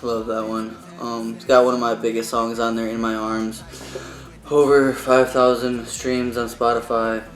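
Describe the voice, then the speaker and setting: A man's voice: mid-range voice, level tone, moderate pace. A man speaks as a musician in a casual interview, informal and keen to promote his own work. His mid-range voice rings in an echoey room, with some music in the background.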